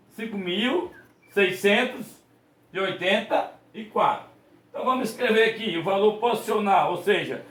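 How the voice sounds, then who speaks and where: A man teaching a math lesson, patiently repeating points, asking rhetorical questions and correcting himself mid-sentence. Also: high-pitched. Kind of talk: explaining a lesson to students. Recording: echoey room.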